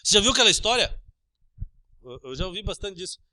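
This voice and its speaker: A Brazilian man preaching a sermon as pastor, animated, acting out little everyday scenes with changing voices. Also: high voice, fast talker, no echo, clean studio sound. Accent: Brazilian Portuguese.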